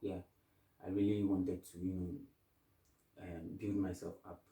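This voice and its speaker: Deep-voiced young man from Ghana. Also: flat delivery, a little slow, mellow, reverberant, recorded from a distance, low-quality recording. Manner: thoughtful, rambling with restarts. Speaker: interview guest. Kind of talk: casual interview.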